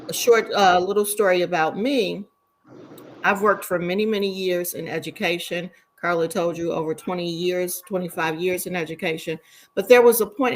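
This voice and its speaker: A woman's voice: lowish voice, slight background noise, poor audio. A middle-aged woman educator speaking as a panelist, talking in a conversational way with frequent ums. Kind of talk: online panel talk.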